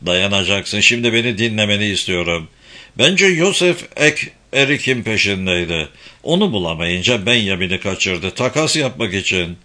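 A man voicing a calm, reassuring retired police officer who talks firmly and matter-of-factly in an audiobook reading. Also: on the low side, moderate pace. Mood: steady.

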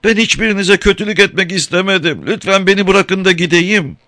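A man's voice: high voice, a little fast, pushed and bright, no room sound, clean studio sound, pitched above the performer's own voice. A man voicing a frightened young woman captive who begs tearfully for mercy in an audiobook. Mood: pleading. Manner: tearful, begging. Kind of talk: audiobook character voice.

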